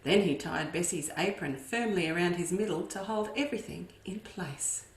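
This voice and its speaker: Her voice sits fairly low and moves at normal speed as she, a children's educator, expressively reads a farm story aloud. She turns to the young audience with asides, and the space sounds echoey.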